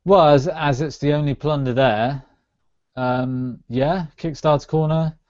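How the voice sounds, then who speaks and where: A relaxed man co-hosting a podcast, presenting a segment in a halting way with plenty of fillers. His voice is mellow and dark at a middle pitch. The call audio is dry and dull. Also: no echo. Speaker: podcast co-host. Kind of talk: casual chat.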